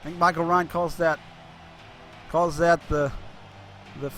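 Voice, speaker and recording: A man calling a wrestling show as play-by-play commentator. He talks excitably, tripping over names and correcting himself. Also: a little high, measured pace, soft background music.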